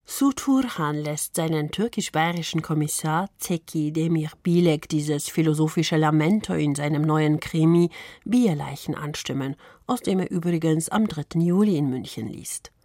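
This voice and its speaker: A woman presenting a radio culture program in a measured, formal reading style. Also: deep voice, mellow, no echo, studio quality. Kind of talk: scripted radio moderation.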